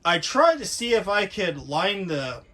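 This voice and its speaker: Showing vintage audio gear in an unscripted, casual walkthrough, an American hobbyist vlogger speaks in a slightly higher-than-typical male voice that is bright and forceful, with big pitch swings and a little slow. He talks folksily and conversationally, drifting from point to point.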